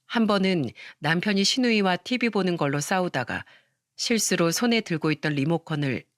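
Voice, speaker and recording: A woman reading a scripted first-person story in an even storytelling manner. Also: fairly low pitch, moderate pace, no room sound, studio quality. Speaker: story narrator.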